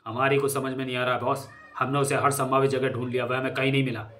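A man's voice: mid-range voice, level tone, fast, a bit bright, natural voice. A man doing a flustered, anxious henchman. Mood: worried. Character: nervous male henchman, flustered.

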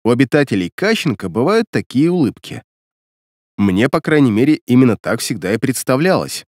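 Male audiobook narrator, ironic first-person read, expressive, dead-dry studio. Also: medium pitch, brisk, no echo. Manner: wry, ironic storytelling.

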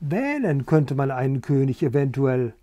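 A man voicing the oldest hen of the farm, shrewd and bossy, speaking in a deliberate, challenging way. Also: medium pitch, sing-song, warm tone, dry recording, lightly acted.

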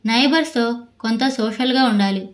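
A woman narrator voicing a young husband who calmly advises his wife, in a quieter voice. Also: a little high, normal speed, natural voice. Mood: advising.

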